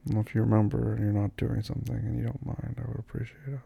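A man in a soft-spoken ASMR boyfriend roleplay, groggy as if just woken up, murmuring and often slipping into whispers. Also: medium pitch, little pitch movement, quick pace, gravelly, slightly rough.

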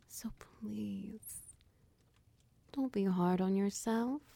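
A woman playing a tender, protective girlfriend in a whispered comfort roleplay, talking softly and reassuringly, close to the mic. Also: mid-range voice, vocal fry, dry recording, full character voice. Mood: soothing. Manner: soft, slow, reassuring, half-whispered. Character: tender protective dominant girlfriend, doting and patient. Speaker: audio roleplay performer.

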